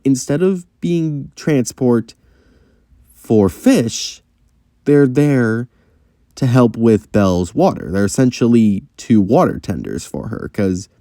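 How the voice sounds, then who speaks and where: A man's voice: mid-range voice, mellow, no room sound, clean studio sound. A man giving casual fan commentary, thinking aloud and speculating with fillers and small restarts. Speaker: fan video creator.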